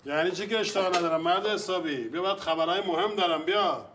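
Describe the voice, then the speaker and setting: A man's voice: high-pitched, background noise, close to an everyday voice. A man playing a bossy, hot-tempered father. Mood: coaxing. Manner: irritable, lecturing, insistent. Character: pushy middle-aged father, quick-tempered. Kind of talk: film drama acting.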